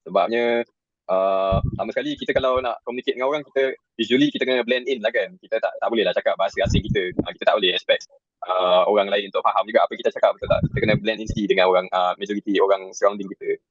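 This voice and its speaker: A man's voice: fairly low pitch, fairly even intonation, rapid-fire, no echo. A young man from Perak, a university student, answering interview questions casually with many fillers and English words mixed in. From Perak, Malaysia. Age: young adult. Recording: dull lo-fi sound.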